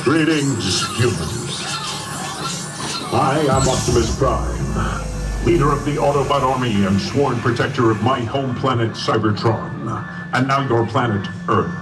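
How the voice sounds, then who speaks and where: A man voicing a noble male robot leader with a robotic, processed voice, speaking slowly and solemnly to a crowd at an outdoor show. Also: mid-range voice. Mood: commanding. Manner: slow, solemn, announcing to a crowd. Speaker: live show character. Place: outdoor theme park show stage. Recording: distant loudspeaker over loud music.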